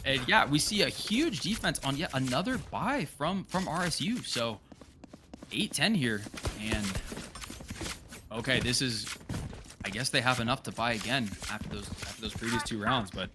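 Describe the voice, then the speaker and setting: A man giving excited esports play-by-play commentary as a caster, in clipped, exclamatory live calls. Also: medium pitch, moderate pace, background noise.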